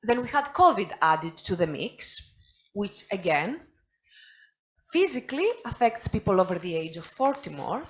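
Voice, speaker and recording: A young woman delivers a prepared conference talk, moving briskly through her points at an ordinary middle pitch. She drops in wry asides along the way. It sounds like she is speaking over a video call. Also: sing-song, poor audio. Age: young adult. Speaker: panelist.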